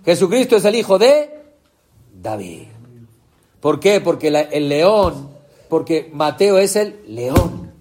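A man preaching an impassioned sermon, asking the congregation questions and swinging between shouts and low, quiet lines. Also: sing-song, slow, long pauses, a little hiss or hum.

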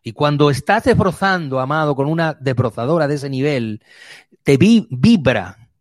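A man preaching a sermon, vivid, moving between quick runs and slow emphatic words. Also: on the high side, lively intonation, no echo.

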